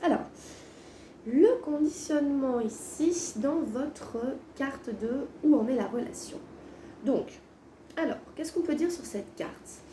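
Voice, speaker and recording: A woman giving a casual tarot reading to viewers, thinking aloud, her voice a little hoarse and thick from a sore throat with swollen tonsils. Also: sits high, expressive, slow pace, dark tone. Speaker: tarot card reader, host. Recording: roomy echo, distant mic, faint noise.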